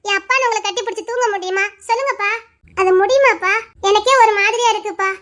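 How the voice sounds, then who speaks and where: A woman's voice: very high-pitched, fast, fairly bright tone. Woman playing a bitter, reproachful grown daughter. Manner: reproachful, emotional, lecturing.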